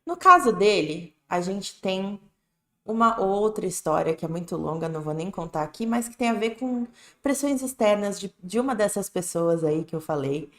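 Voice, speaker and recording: A woman with a Brazilian Portuguese accent teaches an English lesson on a live stream, keeping it casual and direct and often checking in with "né?" and "tá bom?". Her voice sits low with a fairly bright tone. The room is echoey.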